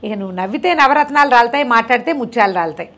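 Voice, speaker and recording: A woman storyteller telling a folk tale in a lively, chatty way, with asides to her listener. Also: a little high, very fast.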